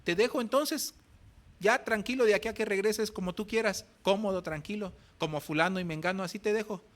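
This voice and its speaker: A man voicing a strict male pastor with a military manner who scolds loudly, with a Mexican Spanish accent, in a church sermon. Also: high-pitched, brisk, voice pushed up, lightly acted. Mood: stern. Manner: loud, sharp, demanding scolding.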